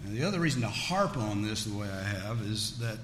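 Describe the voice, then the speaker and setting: This Bible teacher's voice is on the low side yet a bit bright, with lively intonation and a brisk pace, as he teaches scripture folksily and jokes in asides. He takes audience questions in a large echoey room, and the recording carries hall echo and background noise.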